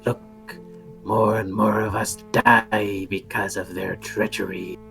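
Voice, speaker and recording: A man's voice: lowish voice, level tone, takes it slowly, creaky, a bit bright, soft background music, full character voice. Un homme jouant un chaman gobelin solennel. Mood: solemn, vengeful. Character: small male goblin shaman, ominous and vengeful.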